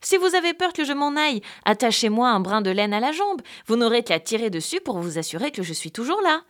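A small, obedient peasant girl from a folk tale, voiced by a woman telling the story. Her voice sits very high and swings widely as she asks her naive questions, sounding like a child in a storybook reading. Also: sing-song, a little fast. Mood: innocent, questioning.

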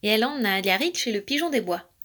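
Lively woman reading a children's story. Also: fairly high pitch, rapid-fire. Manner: lively, expressive.

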